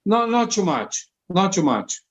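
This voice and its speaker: Very animated and high-voiced, this man has a Brazilian Portuguese accent and speaks English as a second language. His casual interview talk is halting, with repeated words and plenty of fillers.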